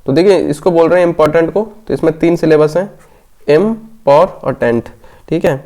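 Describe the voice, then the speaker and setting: A man with a slightly high, warm voice teaches exam prep in a Hindi lesson, reading questions slowly. He explains each answer and checks in regularly with "theek hai".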